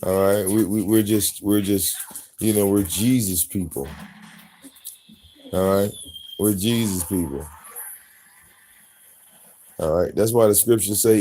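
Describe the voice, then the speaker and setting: A man in his forties hosting a live stream, talking bluntly in profane slang and slipping into soft baby talk with his pets. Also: on the low side. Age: 40s. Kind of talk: casual live-stream rant.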